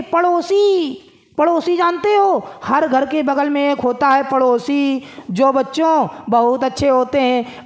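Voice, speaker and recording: A man's voice: extremely high pitch, a bit bright. A male coaching teacher, teaching exam physics in a playful, sing-song way and slipping into folksy dialect asides. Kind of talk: exam-prep physics lesson.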